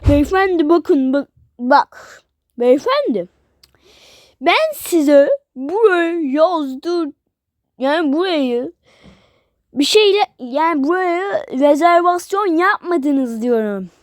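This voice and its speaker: A woman voicing a stubborn male hotel receptionist in a playful toy role-play, curt and flatly refusing. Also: high-pitched, slow, no room sound, clean studio sound. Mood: stiff.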